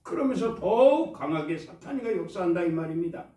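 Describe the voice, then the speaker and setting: High-voiced preaching pastor in an echoey church. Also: male voice, animated, a little fast, warm tone. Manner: preaching with call-and-response to the congregation. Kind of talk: sermon. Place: church sanctuary. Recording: echoey church hall, mic at a distance.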